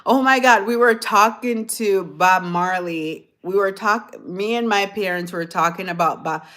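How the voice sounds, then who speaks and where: Woman, casual livestream chat, unhurried, repeats herself, tired. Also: medium pitch, fairly bright tone. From Jamaica. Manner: chatty, rambling, repeats herself. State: tired from a late night. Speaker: livestream host.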